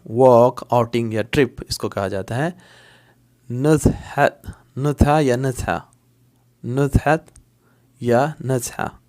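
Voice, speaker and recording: A man's voice: medium pitch, a little mellow. A man teaching Arabic phrases in an online lesson, explaining patiently and repeating each word several times, with English glosses mixed in. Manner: switches between Hindi-Urdu explanation and English glosses.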